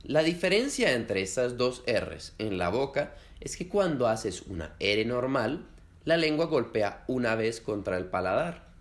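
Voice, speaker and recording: A man teaching a beginners' lesson on Spanish pronunciation, saying example words slowly and clearly. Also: mid-range voice, very animated. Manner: clear, slow demonstration of sounds.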